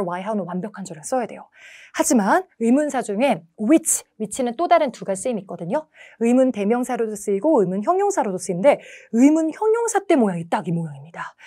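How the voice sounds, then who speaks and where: A woman's voice: fairly high pitch, warm tone. A young woman teaching English grammar as a test-prep lecturer in an online lesson, explaining step by step and stressing key words.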